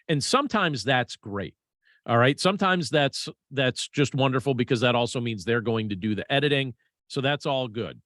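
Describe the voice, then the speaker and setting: A man's voice: medium pitch, fairly bright tone, no echo, studio quality. Man giving casual voiceover tips. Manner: conversational, measured, with fillers and restarts. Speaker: voiceover instructor. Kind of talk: casual instructional talk.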